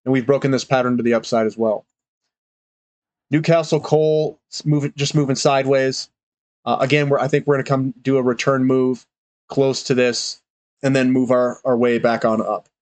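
A man talks through price charts in a loose, rambling way, full of ums and uhs. His voice sounds congested from a cold, and the recording is dry and close. He sits at a middle pitch for a man. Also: steady tone, normal speed, darkish tone, no room sound. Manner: loose, rambling, with frequent fillers. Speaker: finance channel host. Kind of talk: casual market commentary.

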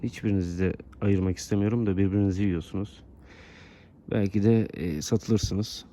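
A man with a somewhat low voice chats to his geese outdoors, coaxing and teasing them as if they were his children. Faint outdoor noise sits under his casual vlog talk. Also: moderate pace, warm tone. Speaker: goose keeper filming his geese.

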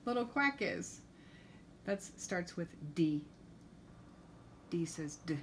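A woman's voice: on the low side, big pitch swings, slow pace, a bit bright. A middle-aged woman reading a picture book aloud as if to a toddler, sounding out letters and asking simple questions. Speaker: children's story reader and letter teacher. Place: living room, indoors. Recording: noticeable room background noise.

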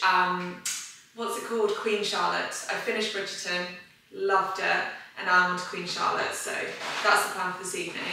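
Young woman vlogger, chatty and rambling, bright low-ish voice, mic a few steps off. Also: distant mic, slight background noise. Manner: chatty, rambling, self-deprecating. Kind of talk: casual chat to camera. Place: home, dressing room and kitchen.

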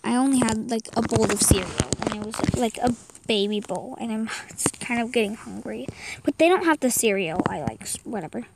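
A woman's voice: a little high, animated, a little fast, very noisy. A young girl chatting casually and rambling while commenting on a game at a friend's house. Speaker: guest commentator.

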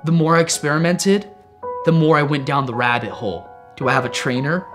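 A man's voice: on the high side, brisk, music in the background, natural voice. A young man playing a self-important, obsessive social media dancer in a scripted mockumentary comedy, grandiose and earnest. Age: young adult. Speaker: comedian playing lead in sketch.

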